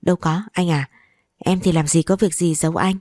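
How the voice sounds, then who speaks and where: A smooth-talking, evasive young man from an audio story, as a woman reads him. He speaks politely and placatingly, in a low, warm, slightly husky tone. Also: fairly even intonation, moderate pace, dry recording, lightly acted.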